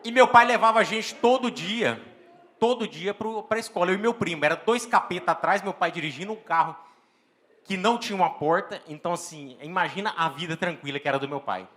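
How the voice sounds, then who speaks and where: A Brazilian man with a Brazilian Portuguese accent doing stand-up comedy and telling an animated story on a live stage, with exaggerated exclamations and acted-out scenes. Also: high-pitched, fairly quick. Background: faint audience laughter.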